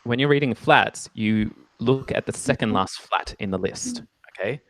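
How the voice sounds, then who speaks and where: A man's voice: medium pitch, moderate pace, dry recording. A man teaching music theory in a casual one-on-one lesson, chatty and explaining step by step, with playful jokes and self-teasing asides. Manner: chatty explaining with many ums and okays.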